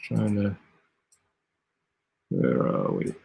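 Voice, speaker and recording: A man's voice: fairly low pitch, big pitch swings, drawn-out words, gravelly, dark tone, husky. An Australian man casually commentating a livestream while he plays, rambling and thinking aloud with frequent self-corrections. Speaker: game design streamer.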